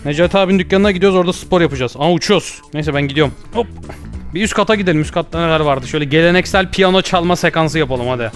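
A young man giving jokey, excitable gameplay commentary with loud comic outbursts. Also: fairly high pitch, very fast. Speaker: gaming YouTuber. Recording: faint background music.

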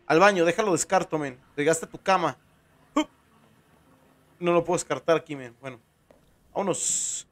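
Joking Mexican streamer, slightly high voice. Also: male voice, normal speed, pauses often. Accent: Mexican Spanish. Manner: joking, slangy, tags lines with "men". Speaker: streamer playing a horror game. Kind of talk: casual gameplay commentary.

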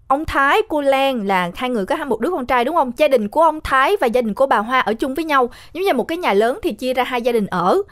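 A young woman, retelling a horror film in a chatty way, talking straight to her listeners. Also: sits high. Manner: chatty, addresses listeners directly. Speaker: storyteller recapping a horror film. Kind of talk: casual spoken retelling.

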